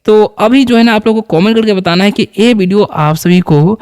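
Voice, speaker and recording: High-voiced man teaching beginner English. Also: a little fast, a little mellow, clean tone. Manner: patient, repeats each word and asks the viewer questions. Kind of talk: spoken English lesson for beginners. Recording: long hall reverb.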